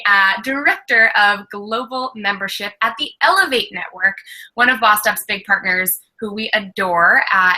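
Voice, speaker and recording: Woman host, eager and upbeat, very bright tone. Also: fairly high pitch, low-quality recording. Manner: upbeat, enthusiastic. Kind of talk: live interview show.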